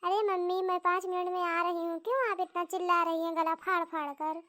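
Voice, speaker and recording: A woman's voice: very high voice, steady tone, brisk, fairly bright tone. Woman voicing a cheeky young cartoon bride. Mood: pert. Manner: plain standard speech, pert and cheeky. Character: young modern bride, defiant. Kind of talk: cartoon comedy voice acting.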